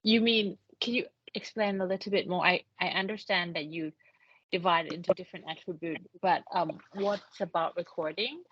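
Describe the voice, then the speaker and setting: A woman's voice: lowish voice, a bit bright, breathy edge, no echo. A woman whose first language is Thai, interpreting and checking points on a video call. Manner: rapid restating and checking of points. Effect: video call audio. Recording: dry, dull lo-fi call audio.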